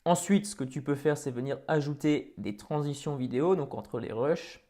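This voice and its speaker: A man hosting a software tutorial, talking casually over a screen recording with many fillers and restarts. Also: medium pitch, moderate pace. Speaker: tutorial host.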